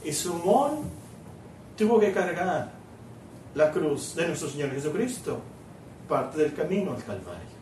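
Slow, high-voiced man preaching in a hall. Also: big pitch swings, darkish tone, distant mic, a little hiss or hum. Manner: many fillers, asks the congregation questions. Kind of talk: sermon.

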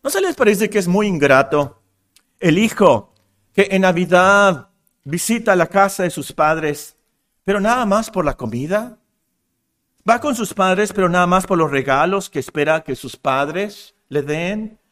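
A man preaching a sermon in earnest, rising and getting louder on key points. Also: high voice, animated, unhurried. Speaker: pastor.

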